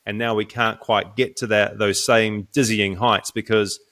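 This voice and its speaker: A man, co-hosting a casual sports podcast, talking in halting runs with frequent restarts. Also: on the low side, level tone, bright, forceful tone. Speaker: podcast co-host.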